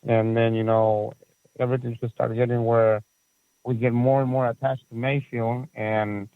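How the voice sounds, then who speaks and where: The guest in this relaxed interview is a Chilean soccer facility owner and coach in his forties, whose Chilean Spanish accent colours his rambling speech, full of fillers and false starts. His mid-range voice stays level at a moderate pace, recorded dry over a tinny, phone-style connection.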